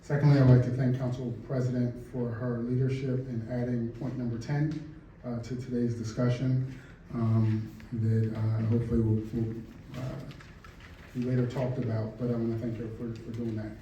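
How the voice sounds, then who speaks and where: Dark, flat-voiced councilman. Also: medium pitch, normal speed, highs cut off, slight background noise. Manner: earnest, with fillers and repeated words. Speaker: council member. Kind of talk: council remarks. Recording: echoey council chamber, distant mic.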